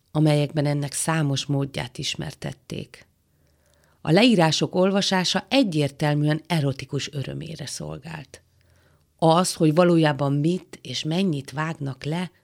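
A woman reading a literary novel aloud as an audiobook narrator, in a calm, measured way. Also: low-pitched, creaky.

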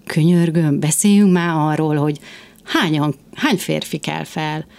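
A woman hosting a casual discussion, talking passionately and emphatically in quick bursts, a mother of two. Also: sits low, creaky, darkish tone.

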